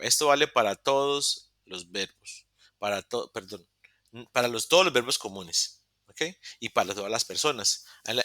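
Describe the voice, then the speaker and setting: A man teaching an online beginner English class in Spanish, explaining slowly, checking in with "ok?" and often correcting himself mid-sentence. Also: medium pitch, pushed and bright, no echo. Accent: Latin American Spanish. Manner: patient, explaining step by step with frequent "ok?" checks; self-correcting, restarts mid-word. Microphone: computer mic in a virtual session.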